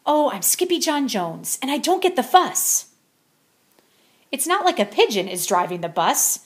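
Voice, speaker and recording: A woman plays a storybook kitten boy who fancies himself a chihuahua. He is exuberant and theatrical, with a high, swooping little voice that squeals with eagerness. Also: sing-song, unhurried. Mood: excited, bouncy. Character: eager, bouncy young Siamese kitten boy, playing chihuahua.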